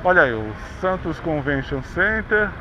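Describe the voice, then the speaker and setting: A man's voice: on the high side, very animated, a little slow. A Brazilian man narrating a city bike ride outdoors, chatting like a tour guide and pointing things out along the way. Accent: Brazilian Portuguese. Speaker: vlogger. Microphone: action camera on handlebars. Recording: dull action-camera audio with street noise.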